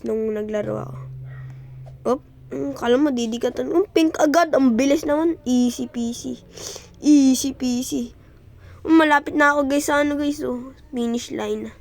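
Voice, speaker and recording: A young woman from the Philippines giving excitable, casual commentary while playing a video game, yelping and praising herself. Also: on the high side. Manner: excitable, yelps and self-praise. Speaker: gameplay streamer.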